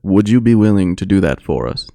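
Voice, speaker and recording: A man voicing a composed male adventurer in a tabletop game, formal and measured. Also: sits low, expressive, gravelly, warm tone, no room sound.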